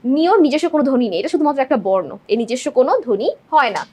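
A woman's voice: high-pitched, expressive, rapid-fire, darkish tone. A young woman teacher explaining exam multiple-choice answers step by step, often checking in with her students. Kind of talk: exam-prep lesson walking through multiple-choice answers.

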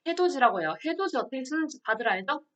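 A woman's voice: sits high, sing-song, very fast, a bit bright. A woman teacher giving an online grammar lesson, explaining patiently and asking her students questions she then answers herself.

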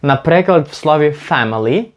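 A man from Ukraine teaching an English lesson, patiently repeating example words slowly to demonstrate them. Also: on the high side, lively intonation. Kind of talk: language lesson.

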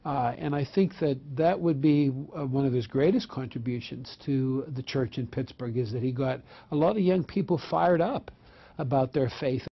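A man, a bishop, speaking in a news interview, earnest and halting with repeated words. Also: medium pitch, creaky, lo-fi sound.

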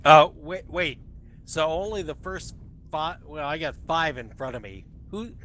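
Slow-paced, bright man on game chat. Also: a little high, expressive, slight background noise. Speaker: online game player. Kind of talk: casual voice chat during a game.

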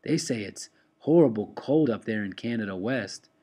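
An elderly aunt from a storybook, telling of hard cold far away in an earnest, slightly raised voice, as a man reading aloud plays her. The voice sits low for an old woman and stays plain. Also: expressive, moderate pace, mellow, husky.

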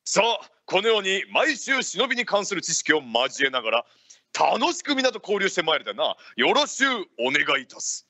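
A man's voice: high-pitched, big pitch swings, normal speed, sharp tone, exaggerated voice. A man playing a genial feudal Japanese ninja lord hosting live radio, speaking in archaic samurai-era phrasing. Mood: hearty, earnest. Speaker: radio show host.

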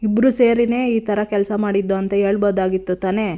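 A guilt-ridden young village man, as a woman reads him who pleads with his grandmother in a flat, mellow tone. His speech is earnest and apologetic. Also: medium pitch, brisk, natural voice. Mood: remorseful.

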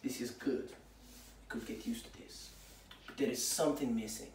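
A man's voice: medium pitch, a little fast, a little mellow, roomy sound, recorded from a distance, slight background noise, lightly acted. A man playing a pampered young tsar, with a haughty manner and broken English.

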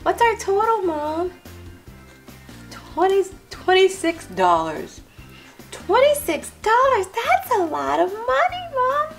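A woman voicing an excitable little girl doll on her first shopping trip with her mom. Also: very high-pitched, slow pace, soft background music, heavily acted. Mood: chatty. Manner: gushing, breathless with excitement. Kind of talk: toy doll play video.

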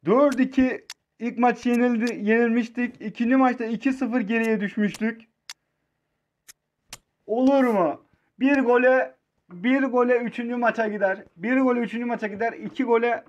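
A high-voiced young man from Turkey calls his own mobile football match live, dropping to low grumbles and then bursting into shouts. The sound is muffled and lo-fi. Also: moderate pace. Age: 20s. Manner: excitable, swings between low muttering and shouting.

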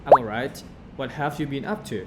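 A man voicing a friendly adult man in a role-play conversation, speaking each line slowly and deliberately. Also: medium pitch. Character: friendly adult man making small talk. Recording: loud background noise.

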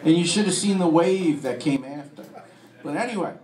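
A male event host introduces the evening's speaker with casual jokes. His voice runs a little high. A handheld mic carries it through a roomy, echoing event space. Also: normal speed, crowd noise. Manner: joking, chatty. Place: dim restaurant event room. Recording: echoey room.

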